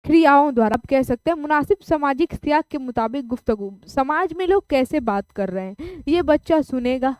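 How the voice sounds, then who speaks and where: Brief: woman teacher, high voice, dry close sound, explains through examples. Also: animated, moderate pace, hardly any pauses, a little mellow, dry recording. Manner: explains with everyday examples, checks in with "okay?". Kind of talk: online class lecture.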